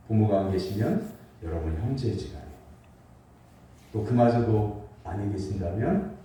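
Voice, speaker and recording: A man's voice: mid-range voice, dark tone, slight background noise. A male senior pastor giving a Sunday sermon through a face mask, telling stories and asking the congregation questions. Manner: storytelling preacher with rhetorical questions to the congregation. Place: large church sanctuary. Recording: echoey hall, from a distance.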